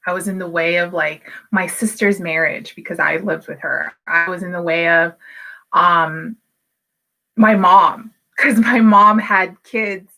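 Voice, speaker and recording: A woman's voice: fairly low pitch, fairly even intonation, a little slow, creaky, sharp tone. A woman in her thirties from Hawaii, a business coach talking candidly to camera in a casual, motivational way, with many fillers. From Hawaii, United States. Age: 30s. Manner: candid and personal, with frequent fillers.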